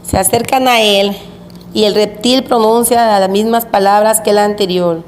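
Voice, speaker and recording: A woman preacher telling of a vision she had, in a slow, repetitive storytelling manner. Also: mid-range voice, fairly even intonation. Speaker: preacher recounting a revelation. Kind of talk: religious testimony of a vision. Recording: echoey hall with faint background noise.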